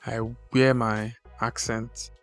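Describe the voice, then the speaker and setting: A man from Nigeria with a Nigerian accent, hosting his own podcast in a measured, deliberate way. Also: medium pitch, little pitch movement, fairly bright tone, soft background music. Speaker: podcast host. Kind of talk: scripted solo podcast talk.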